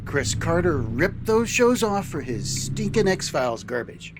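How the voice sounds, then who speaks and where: Man acting a hearty hero trucker captain, high male voice, retro radio serial, clear vehicle noise. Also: big pitch swings, unhurried. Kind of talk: scripted retro radio-show dialogue.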